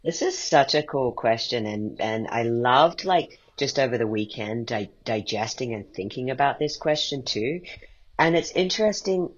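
Appearing as a guest, this playwright and podcast maker muses aloud and asks himself questions as he goes. He talks at an ordinary speed with a medium pitch and lively intonation, over a muffled, lo-fi recording.

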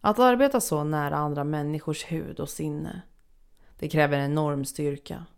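A woman reading a first-person story aloud in a measured, unhurried, somber manner. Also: low voice, vocal fry, clean tone. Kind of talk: first-person scripted narration.

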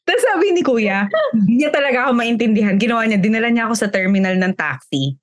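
A young woman with a voice on the high side talks quickly as a podcast co-host, telling a story in casual chat. Animated, she laughs as she goes and mixes Tagalog with English. There is no echo.

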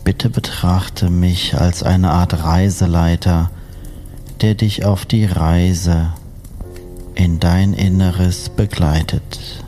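A man speaking as a sleep story narrator and meditation guide, soothing and hypnotic, with long unhurried pauses. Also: sits low, fairly even intonation, warm tone, soft background music. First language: German.

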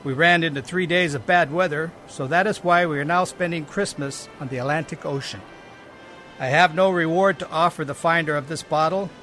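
A man's voice: a little high, pushed and bright. A man reading a letter aloud.

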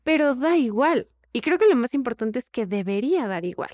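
Una mujer joven con acento mexicano, copresentadora de un pódcast, hablando directo y sin rodeos en charla casual. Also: female voice, a little high, lively intonation, fairly quick, darkish tone, no echo, clean studio sound. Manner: blunt, conversational. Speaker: podcast co-host. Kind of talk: casual chat.

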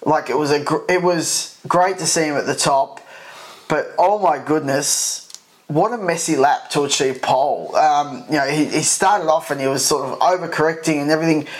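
A man co-hosting a podcast in casual chat, husky from a cold, talking hesitantly with many fillers and restarts. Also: fairly high pitch, moderate pace. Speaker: podcast co-host.

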